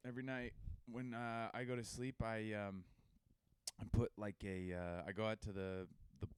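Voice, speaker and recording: A man co-hosting a casual comedy podcast, joking in a rambling, halting way. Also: fairly low pitch, little pitch movement, smooth, no room sound. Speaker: podcast co-host.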